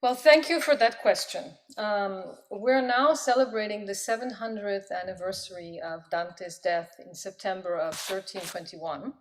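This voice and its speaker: A woman's voice: mid-range voice, a little slow, few pauses. A middle-aged woman answering interview questions thoughtfully, with frequent ums. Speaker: guest, professor and poet.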